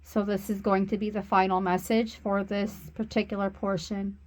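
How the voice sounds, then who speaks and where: A woman working as a spiritual reader and healer, giving an oracle card reading in a slow, earnest, reassuring way. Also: mid-range voice, flat delivery.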